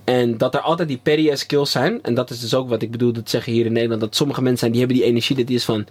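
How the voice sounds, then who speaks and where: A man, co-hosting a podcast in casual chat, rambling with many pauses and slang. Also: mid-range voice, steady tone, a little mellow. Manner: rambling, pauses with ehm, slang-heavy storytelling. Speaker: podcast co-host.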